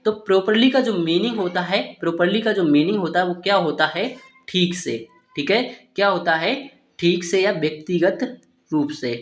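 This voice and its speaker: In an echoey room, a high-pitched man speaking at a normal pace teaches Hindi speakers how to read English words. He spells each one out letter by letter, poses questions only to answer them himself, and repeats "ठीक है" again and again.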